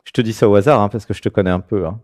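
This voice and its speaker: A man's voice: on the low side, racing. A man hosting a spiritual talk show and guiding a caller, checking in often as he speaks. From France. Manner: animated, keeps checking in with "tu vois".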